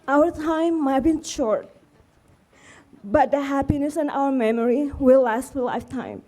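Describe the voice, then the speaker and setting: Addressing mourners at a memorial, a widow delivers her eulogy with heartfelt, tender earnestness. Her voice sits high and warm, and she speaks at a measured pace.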